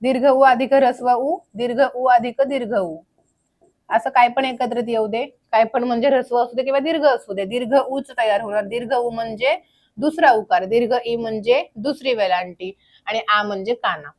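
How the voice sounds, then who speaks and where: Young female teacher, a bit high-pitched, runs a repetitive grammar drill. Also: a little mellow. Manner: questions the class and answers herself; drills slowly, repeating terms. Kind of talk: grammar lecture.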